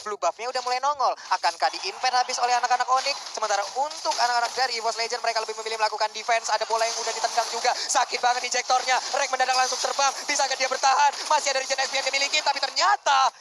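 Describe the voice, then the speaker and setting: A man with an Indonesian accent giving animated esports match commentary and analysis, with exclamations and joking exaggeration. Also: very high-pitched, racing, hardly any pauses, noisy background. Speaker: esports co-caster.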